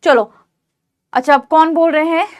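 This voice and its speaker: Speaking at normal speed with fairly even intonation, a woman with a high voice gives an online exam-prep class in a dry recording. She is reassuring and keeps saying "theek hai" to make sure her students understand.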